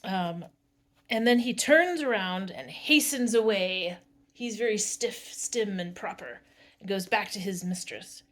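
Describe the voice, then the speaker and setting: A woman's voice: mid-range voice, measured pace. Woman reading a story to a class. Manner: expressive storyteller, breaks off to explain staging. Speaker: drama teacher. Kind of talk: reading a story aloud and giving directions.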